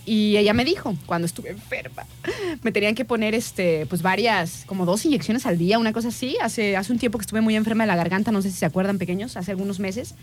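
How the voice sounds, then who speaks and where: A woman's voice: medium pitch, fast talker. A woman co-hosting a casual chat, talking to her listeners in an easy, chatty way. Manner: chatty, laughs often, addresses audience as "pequeños". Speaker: co-host.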